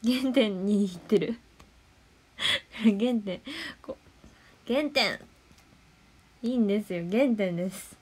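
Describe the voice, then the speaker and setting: A young woman, chatting playfully on a solo livestream and sometimes dropping to soft murmurs and whispers. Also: medium pitch, takes it slowly, long pauses, slightly rough. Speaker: idol livestreamer. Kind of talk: casual solo livestream chat.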